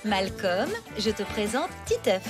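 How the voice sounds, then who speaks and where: A woman voicing a patient mother with a gentle, coaxing way of talking. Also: medium pitch, big pitch swings, a little slow. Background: cartoon music.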